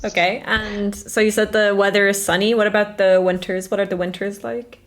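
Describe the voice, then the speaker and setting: A woman's voice: mid-range voice, level tone, fairly quick. A young woman hosting a casual student interview, chatty and full of "like" fillers.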